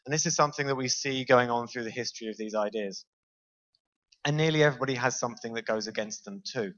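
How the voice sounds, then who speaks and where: Addressing a live audience from the stage of a large lecture hall, a British conference speaker keeps things light and self-aware, posing questions to the crowd. He talks quickly in a medium-pitched, fairly bright voice, and the sound is lo-fi.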